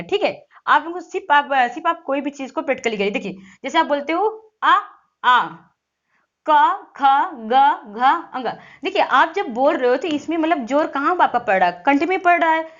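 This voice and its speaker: High-voiced woman teaching. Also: fairly bright tone. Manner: explaining step by step, repeating sounds aloud; frequent "thik hai" check-ins. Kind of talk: exam-prep lesson. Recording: dull lo-fi audio.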